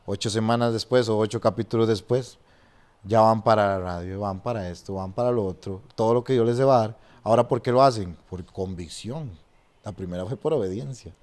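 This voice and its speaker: A man who is a pastor, telling stories and preaching in a lively way and often restarting his sentences. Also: lowish voice, brisk. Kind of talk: animated storytelling and preaching in a podcast conversation.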